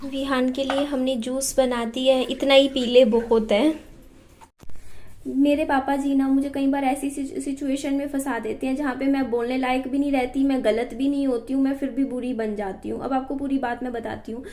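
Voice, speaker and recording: A woman's voice: high-pitched, flat delivery, normal speed, a little mellow. A young adult woman vlogging in a casual, chatty way, often checking that listeners agree with her. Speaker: family vlogger. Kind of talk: casual vlog chat.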